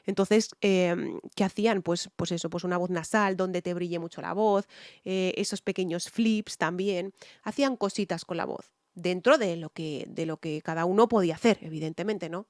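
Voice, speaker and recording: A woman's voice: lowish voice, moderate pace, a little mellow, no room sound, studio quality. A woman from Spain with a Spanish accent, a singer giving casual reaction commentary on songs, chatty with many fillers and sung snatches of melody.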